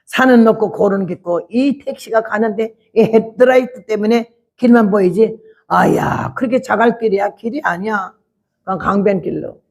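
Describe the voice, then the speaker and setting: A woman in her eighties giving a testimony sermon as a missionary preacher, blunt and rough-spoken, acting out scenes with drama. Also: fairly high pitch. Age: 80s. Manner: dramatic, acts out scenes loudly.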